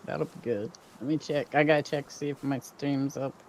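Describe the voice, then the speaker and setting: A woman's voice: very deep voice, fairly even intonation, brisk, a little mellow, slight background noise. An older woman streaming a video game, chatting casually and rambling, often trailing off mid-sentence. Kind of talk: casual gameplay chat.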